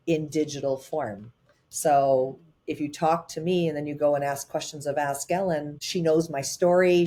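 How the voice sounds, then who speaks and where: A low-pitched woman, a tech advisor here as a guest, shares her story in lively conversation. She rushes ahead in quick, animated bursts and scatters "um" and "uh" between her phrases.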